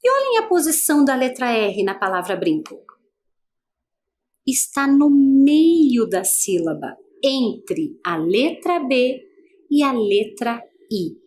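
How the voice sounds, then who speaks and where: A woman's voice: high voice, sing-song, slow, a little mellow. A female teacher with a Brazilian Portuguese accent, giving an adult-education video lesson, patient and asking many guiding questions.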